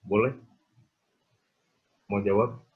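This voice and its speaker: A man's voice: fairly low pitch, fairly even intonation, takes it slowly, phone-quality sound. A man giving an interactive design lecture on a video call, quizzing his audience with casual tag questions.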